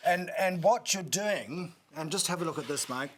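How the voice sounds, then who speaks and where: A man's voice: a little high, expressive, normal speed, fairly bright tone, slight background noise. A man with a New Zealand accent demonstrating a recipe on a cooking show, chatty and instructive with joking asides.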